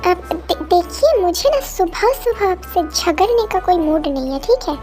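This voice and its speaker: A woman voicing a feisty, quick-tempered young woman assistant who argues indignantly, with faint music behind. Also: very high voice, lively intonation, dark tone. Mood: irritated. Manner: indignant, argumentative, exclaiming.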